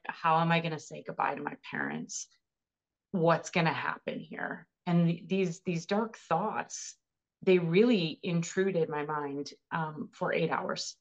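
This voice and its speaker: A woman's voice: low voice, highs cut off. A woman in her thirties earnestly and emotionally recounting her own experience in an interview. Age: 30s. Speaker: cancer patient sharing her story. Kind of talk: personal storytelling interview.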